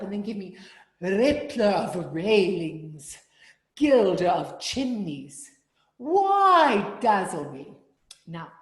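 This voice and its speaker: A woman's voice: lowish voice, dark tone. Woman leading a choir over video call. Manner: demonstrates sung phrases between spoken instructions. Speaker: choir leader. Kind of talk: online choir rehearsal. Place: home room. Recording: roomy video call with reverb.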